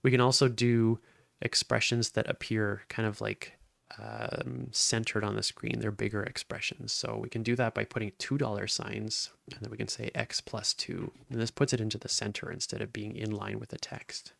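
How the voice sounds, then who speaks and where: Guy walking thru a screen tutorial, low gravelly voice, dry close sound. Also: level tone, normal speed, a bit bright, dry recording. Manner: plain step-by-step explaining with fillers. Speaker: instructor. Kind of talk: screen-recorded coding tutorial.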